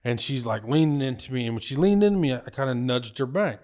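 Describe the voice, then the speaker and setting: A man's voice: mid-range voice, fast talker. A man with a kid of his own, a tattoo artist guest on a podcast, telling a story casually, with lots of swearing and laughing. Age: adult parent. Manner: animated, profane, laughs often.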